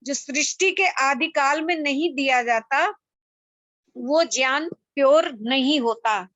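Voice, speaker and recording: A woman giving a religious discourse on the Vedas, explaining slowly and with emphasis, repeating examples to make each point clear. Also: high-pitched, a bit bright, no echo. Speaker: Vedic religious speaker.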